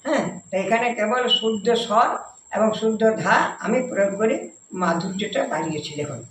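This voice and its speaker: A man's voice: sits high, animated, fairly quick, fairly bright tone, a little hiss or hum. A man teaching a devotional music lesson, explaining patiently and repeating points simply for viewers. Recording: echoey room.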